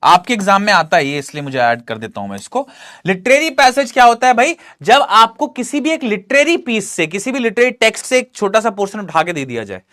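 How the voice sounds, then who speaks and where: A male English teacher with a high voice gives a brisk exam-prep lesson, his delivery very lively and swooping. He coaxes his students along, repeatedly putting questions to the class and then answering them himself.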